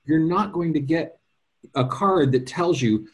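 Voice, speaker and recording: A man co-hosting a casual live question session, explaining card readings in quick bursts with self-deprecating humor. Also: a little high, husky. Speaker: co-host and card reading teacher.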